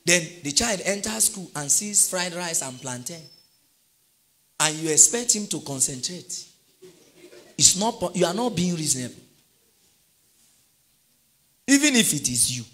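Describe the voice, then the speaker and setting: A man's voice: high-pitched, animated, unhurried, pauses often, a bit bright. A middle-aged man preaching a sermon, quizzing his congregation with call-and-response questions. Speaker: pastor.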